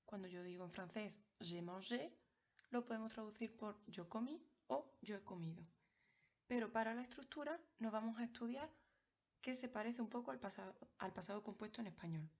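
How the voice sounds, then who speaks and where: A French teacher walks her students through a grammar lesson a little fast, staying clear and patient and often checking that they follow. Her voice is medium-pitched, and the recording sounds slightly dull and lo-fi.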